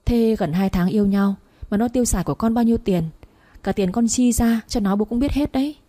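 A woman's voice: a little high, brisk, dark tone, pitched above the performer's own voice, lightly acted. A woman voicing a stern father who lectures his son about the girl he loves. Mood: stern, lecturing. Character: stern older father, disapproving and controlling.

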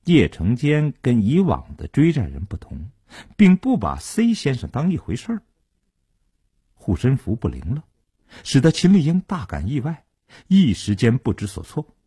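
A male storyteller with a low, warm, husky voice who swings his pitch widely for drama. His narration sounds close and dry, with no room echo. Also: huge pitch swings, moderate pace. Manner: dramatic, widely varied delivery.

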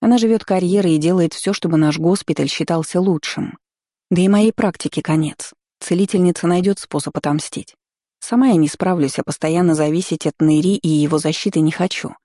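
A woman reading a fantasy novel aloud as a first-person audiobook narrator, in a measured, even storytelling manner. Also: fairly low pitch, no room sound, clean studio sound.

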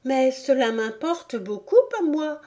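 A woman's voice: a little high, animated, unhurried, a little mellow, pitched above the performer's own voice. Woman voicing an earnest little girl. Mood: protesting. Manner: earnest, protesting. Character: sincere young girl, polite but protesting. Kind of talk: audiobook character voice.

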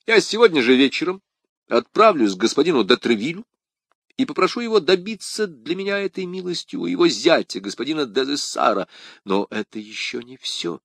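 A man's voice: fairly high pitch, sing-song, a little fast, vocal fry, fairly bright tone, husky, no echo, clean studio sound, voice pushed up, exaggerated voice. A man voicing D'Artagnan, a proud, lovestruck young swordsman, speaking eagerly and exclaiming often in an audiobook reading. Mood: ardent.

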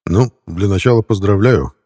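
A commanding older party official gives orders in a brisk, blunt way in an audiobook, as a man puts him on. His voice sits low and firm. The recording is close and dry. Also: warm tone, breathy edge, no room sound. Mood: authoritative.

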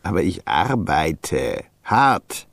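A man's voice: low-pitched, sing-song, drawn-out words, creaky, a bit bright, no echo, heavily acted. An actor playing a shady male computer crook who evades his virtual lover's questions, in a radio play. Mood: evasive. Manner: evasive, defensive, placating.

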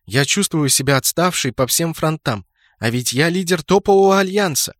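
A man's voice: fairly high pitch, animated, normal speed, dry recording, clean studio sound, pitched above the performer's own voice, lightly acted. A man playing a brash, teasing woman leader. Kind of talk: audiobook character voicing.

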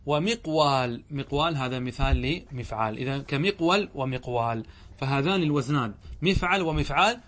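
A middle-aged man teaching a grammar class in a lecture style, with a slightly raised voice. He explains patiently and in steps, answering his own questions and reading passages aloud slowly. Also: a little high, a bit bright. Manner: reads the text aloud slowly, stretching out words. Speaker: sheikh teaching Arabic grammar.

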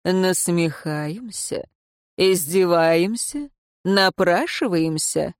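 A haughty noble advisor, as a woman reader voices him, lowering and slowing her voice into a self-satisfied drawl. Commanding and smug, read for a dry audiobook. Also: a little mellow, no echo.

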